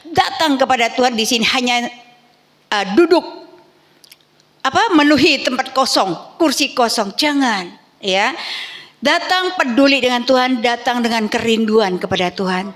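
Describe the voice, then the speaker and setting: A woman's voice: a little high, fairly bright tone. A woman pastor preaching a sermon in a church, exhorting her congregation with rhetorical questions and frequent tag words. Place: church hall. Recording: long hall reverb.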